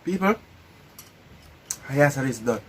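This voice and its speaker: Grumbling Jamaican man with animated pitch. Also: a little slow, slight background noise. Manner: grumbling, stubbornly refusing. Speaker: challenge partner in a vlog. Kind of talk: casual chat to camera.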